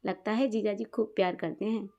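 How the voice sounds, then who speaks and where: A woman's voice: medium pitch, steady tone, brisk, warm tone, lo-fi sound, close to an everyday voice. A woman reading as a flirty teasing sister-in-law. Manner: playful, teasing.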